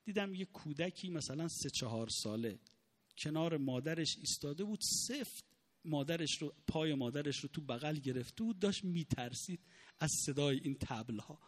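A man's voice: fairly high pitch, lively intonation. A man preaching a mourning sermon, emotive in his storytelling, his voice rising in the moving moments.

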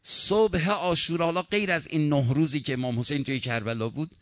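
A man's voice: on the high side, a bit bright, dry recording. A man preaching a sermon, impassioned, his voice rising and falling.

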